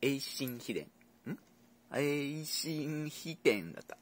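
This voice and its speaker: A man's voice: on the high side, animated, slow pace. A man casually chatting to his pet dogs at home, playful and coaxing as he goes. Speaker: vlogger predicting a horse race with his dogs. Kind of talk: casual chat to pets.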